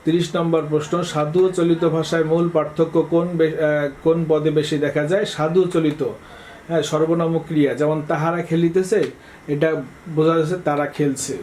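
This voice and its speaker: A man teaching an exam-prep lesson, reading out quiz questions and answering each one briskly, often prompting students to look. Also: on the high side, flat delivery, darkish tone, slight background noise, low-quality recording.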